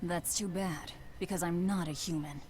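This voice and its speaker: A woman's voice: fairly low pitch, fairly even intonation, normal speed, a little mellow, a little hiss or hum, close to an everyday voice. A woman playing a stern, defiant demon lord in a video game, with a blunt, resolute delivery. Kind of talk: scripted video game acting.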